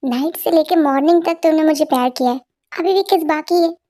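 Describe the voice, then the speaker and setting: A woman's voice: sits high, fairly quick, dark tone, close to an everyday voice. A woman voicing a young newlywed bride who protests and insists, in a fan-dubbed story. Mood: flustered. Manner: protesting, flustered. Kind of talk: Hindi fan dub storytelling.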